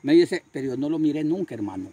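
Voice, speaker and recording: Fervent older preacher, husky voice. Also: male voice, on the high side, animated, fast talker, mellow, no room sound. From Honduras. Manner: fervent, repeats phrases, acts out voices in his story. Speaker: street preacher. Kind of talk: storytelling interview.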